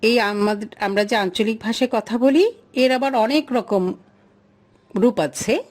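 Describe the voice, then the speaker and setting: A woman's voice: fairly high pitch, unhurried, darkish tone. A woman teacher, giving a lesson to a class and asking questions she then answers herself. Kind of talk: classroom lesson explaining a chart.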